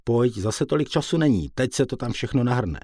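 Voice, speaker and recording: Man reading as a brisk, helpful fellow patient. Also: mid-range voice, animated, darkish tone, slightly rough, no room sound, clean studio sound, pitched above the performer's own voice. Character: friendly male fellow patient, chatty helper.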